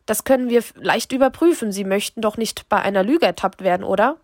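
A composed female detective presses her questions in a level, matter-of-fact way, as a woman narrator reads her. The voice is mid-pitched and dry, close to the mic with no room sound. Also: quick pace, dry recording, close to an everyday voice. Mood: probing. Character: composed female police detective, sober and exacting.

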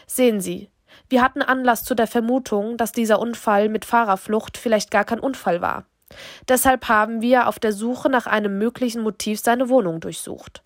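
A woman's voice: on the high side, moderate pace, no echo, studio quality, close to an everyday voice. A woman voicing a composed female police detective who questions in a sober, matter-of-fact way. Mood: sober, probing.

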